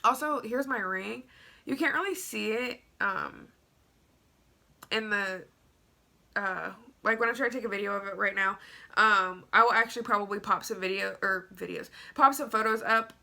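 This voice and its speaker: In this casual story-time vlog, a young Tennessee woman with a stuffy nose rambles through a tale for her viewers, packing in fillers. She speaks at a moderate pace with a medium-pitched, gravelly, sharp voice.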